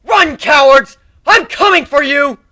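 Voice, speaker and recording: A man's voice: extremely high pitch, lively intonation, measured pace, sharp tone, voice pushed up, heavily acted. A man voicing a bold, battle-hardened griffin fighter who barks orders in a fantasy story reading. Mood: battle fury.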